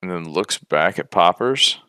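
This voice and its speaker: A man's voice: low-pitched, expressive, a little slow, pushed and bright, clean tone, no echo. A man serving as game master, narrating a tabletop game with dry, teasing remarks.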